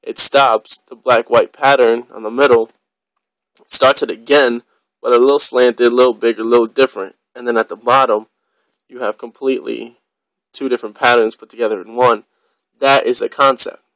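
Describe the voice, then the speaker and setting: A man's voice: medium pitch, steady tone, moderate pace, fairly bright tone, no room sound, rough recording. A young man casually reviewing a watch on camera, rambling and enthusiastic, with lots of ums and the odd swear word.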